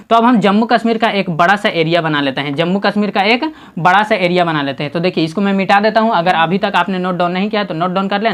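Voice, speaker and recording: A man's voice: sits high, a bit bright. A man teaches an exam-prep lesson while sketching a map. He poses a question, answers it himself and repeats the answer again and again so students remember it. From Bihar, India. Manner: asks quiz questions and answers them himself, drills by repeating.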